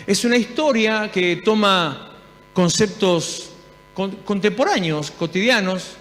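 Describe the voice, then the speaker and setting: A man with an Argentine accent preaching a sermon in a church, telling stories lively and acting out the dialogue. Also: high-pitched. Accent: Argentine Spanish. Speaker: pastor. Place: church hall. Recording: long hall reverb.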